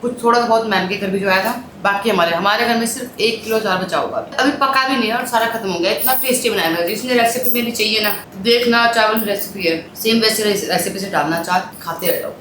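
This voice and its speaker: A woman's voice: medium pitch, fairly quick, hardly any pauses. Chatty woman vlogger, echoey room. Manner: teasing, chatty, talks to viewers. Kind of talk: casual vlog chat. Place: hospital then home. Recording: echoey room, light noise.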